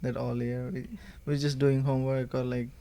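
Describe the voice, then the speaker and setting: A young Indian man whose first language is Telugu appears as a guest, a married student, on a casual podcast. He's easygoing and leans heavily on "like" as a filler. His mid-range voice is dark in tone, with a flat delivery at a moderate pace.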